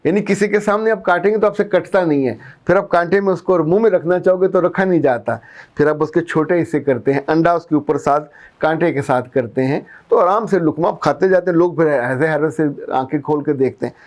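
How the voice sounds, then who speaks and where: Earnest man giving life-coach advice. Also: on the high side. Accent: Pakistani Urdu. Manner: earnest, explanatory, with everyday examples. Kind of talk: advice talk to viewers.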